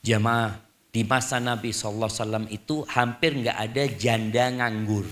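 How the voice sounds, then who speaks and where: A man preaching a sermon to a live congregation, lively, mixing formal and casual speech and acting out little dialogues. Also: mid-range voice.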